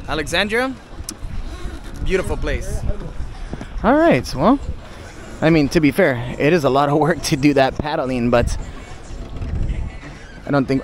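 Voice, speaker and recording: A man in his thirties vlogs his travels from a small boat outdoors, holding an action camera at arm's length and talking straight to it. His voice is on the high side, and the casual chat is peppered with opinionated asides. Wind, water and boat noise fill the recording.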